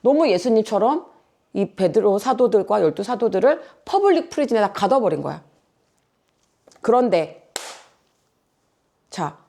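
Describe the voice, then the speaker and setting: A woman's voice: medium pitch, vocal fry, mellow. A middle-aged woman pastor preaching a sermon, asking the congregation questions and mixing in English words.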